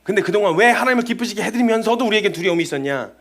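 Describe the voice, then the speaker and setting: A man preaching a sermon as a missionary, moving between hushed, intimate passages and loud, rising exhortation, and acting out quoted voices. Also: sits high, expressive, rapid-fire, gravelly. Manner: acts out quoted voices of God and the believer.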